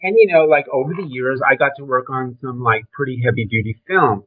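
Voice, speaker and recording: Older guy w a brooklyn accent, kinda husky, tinny phone sound, chatting bluntly about his career. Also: mid-range voice, fairly quick. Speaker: interview guest, film trailer and design veteran. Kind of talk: conversational career reminiscence. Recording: thin, phone-like call audio.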